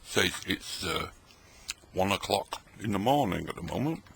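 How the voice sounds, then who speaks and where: Late at night, a middle-aged man sits at his table sampling old canned food, chatting and cracking jokes between bites. His voice is low, expressive and creaky with a bit of brightness, his pace unhurried, and there's slight background noise in this casual vlog.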